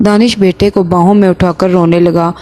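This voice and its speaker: A woman narrating a moral story in a steady, earnest manner. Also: lowish voice.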